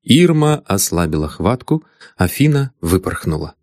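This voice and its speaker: A man reading an audiobook in a dramatic, expressive manner. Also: low-pitched, normal speed, dry recording. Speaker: audiobook narrator. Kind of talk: scripted audiobook narration. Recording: dry close studio sound.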